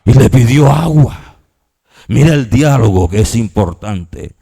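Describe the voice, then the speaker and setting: A man's voice: mid-range voice, expressive, unhurried, creaky, warm tone, slightly rough, no room sound. A man preaching a Bible class, reading scripture and explaining it, often asking the listeners questions to check they are following. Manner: reads scripture aloud and explains it line by line. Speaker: preacher teaching a discipleship class.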